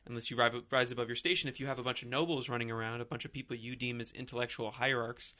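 A man in casual podcast chat who speaks bluntly and swears freely. His voice is bright and forceful at an ordinary pitch. He slips in sarcastic jokes between his arguments. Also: steady tone, fast.

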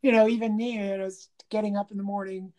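A woman co-hosting a podcast in casual chat, talking haltingly with many fillers and restarts. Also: medium pitch, flat delivery, mellow. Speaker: podcast co-host. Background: pet bird chirping.

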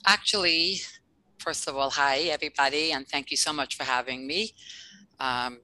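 A woman's voice: sits low, moderate pace, bright, forceful tone, low-quality recording. A woman dating coach speaking earnestly on a live online podcast, heartfelt, with frequent restarts. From based in Los Angeles. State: emotional, near tears.

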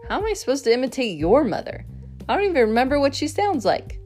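A woman voicing a cocky schoolboy who mocks a mother in a high, squeaky put-on voice. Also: sing-song, fast talker, darkish tone, faint music behind. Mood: exasperated. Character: cocky sarcastic schoolboy doing a squeaky mom voice.

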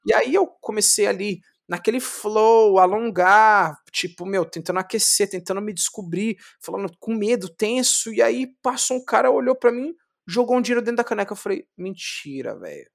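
A young man from Brazil, a street clown, telling his story in a casual interview, lively, swearing often and acting out what he said back then. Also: sits high, normal speed, creaky, few pauses. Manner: animated, swearing, acts out his own past words.

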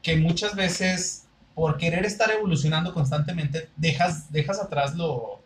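A man's voice: a little high, moderate pace, rough recording. Curious Mexican man chatting on a podcast. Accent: Mexican Spanish. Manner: curious, explanatory, thinks aloud. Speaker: podcast co-host. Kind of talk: casual chat.

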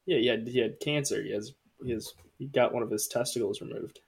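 A man's voice: medium pitch, fairly quick, gravelly, breathy edge. A young man co-hosting a casual podcast chat, joking and swearing with frequent laughs. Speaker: podcast co-host.

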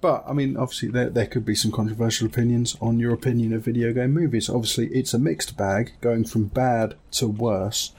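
A man from Essex with an Essex accent and a husky voice, hosting a casual podcast chat. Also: mid-range voice, fairly even intonation, a little fast, hardly any pauses, a little mellow. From Essex, England. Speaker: podcast host.

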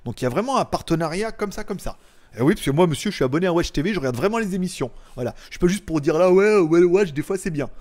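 A man's voice: sits high, animated, quick pace, darkish tone. A man of forty hosting a live stream, chatting casually and reading viewer comments in a rambling, joking way. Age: 40s.

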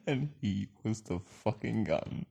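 A man's voice: fairly low pitch, huge pitch swings, takes it slowly, gravelly, background noise. A man doing improvised crude comedy banter, rambling through absurd profane stories and often breaking into laughter.

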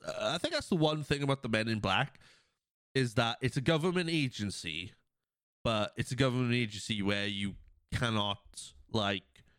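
Here a podcast host with a lowish voice is recorded at studio quality with no echo. Fighting a cold and sniffling, he chats through a film scene by scene, telling it animatedly with acted-out quotes and plenty of laughs.

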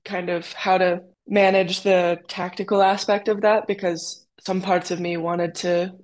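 A woman's voice: on the low side, flat delivery, a little slow, darkish tone. A young adult woman, a cyclocross racer, answering interview questions in a chatty way with lots of fillers. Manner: chatty, with many fillers and quoted asides.

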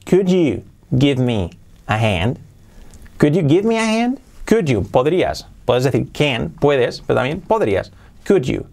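Lively male English teacher drilling phrases. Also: mid-range voice. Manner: repeats phrases slowly to model pronunciation. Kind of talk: video lesson for Spanish speakers.

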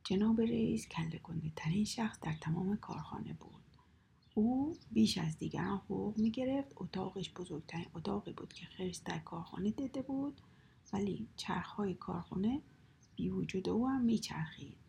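A woman's voice: mid-range voice, expressive, vocal fry, breathy edge. Whispering woman reading a children's story. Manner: soft, hushed whispering.

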